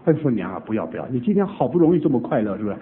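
A man preaching, telling a family conversion story with lively acted-out dialogue. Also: medium pitch, racing. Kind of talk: sermon testimony storytelling. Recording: tinny phone-like old recording.

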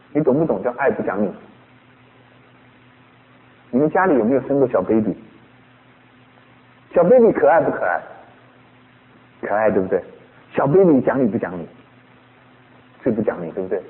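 A male pastor delivers a sermon in a high, wide-swinging voice, firing off rhetorical questions at his listeners. The sound comes through a thin, phone-like radio broadcast with a long hall reverb trailing behind him. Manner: animated preaching full of rhetorical questions.

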